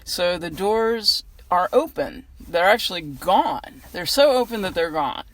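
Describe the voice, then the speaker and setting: A woman's voice: fairly low pitch, expressive, unhurried, no room sound, low-quality recording. An American woman giving a casual inspirational reflection outdoors in a parking lot, talking in a chatty, earnest, conversational way. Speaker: vlogger giving a weekly inspirational message. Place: outdoors in a gym parking lot in freezing cold.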